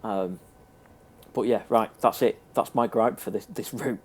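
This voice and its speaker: A man's voice: lowish voice, fairly even intonation, measured pace, a little mellow, breathy edge. A British man with a sniffly, congested cold, giving a casual, hesitant, unscripted review as a presenter. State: has a cold. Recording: noticeable background noise.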